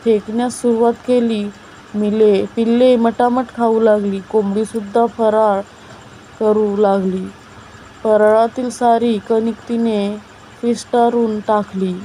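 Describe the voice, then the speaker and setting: Woman storyteller, measured scripted narration, unhurried, level delivery. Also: on the high side, flat delivery, warm tone, a little hiss or hum, poor audio.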